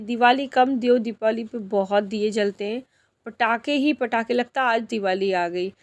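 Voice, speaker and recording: A woman vlogger narrating her outing in a chatty way, often speaking straight to her viewers. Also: a little high. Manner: chatty, addresses viewers as friends. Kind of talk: casual vlog narration.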